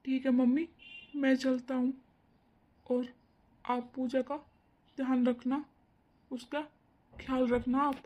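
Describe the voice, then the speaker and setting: Woman doing a young cartoon husband, gentle, reassuring, fairly high voice. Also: little pitch movement, slow, pauses often, highs cut off.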